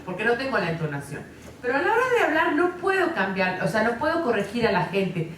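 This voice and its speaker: A woman giving a lively, conversational conference talk, often adding tag questions. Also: fairly high pitch, fast, a little hiss or hum. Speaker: lecturer. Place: conference hall. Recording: echoey hall, distant mic.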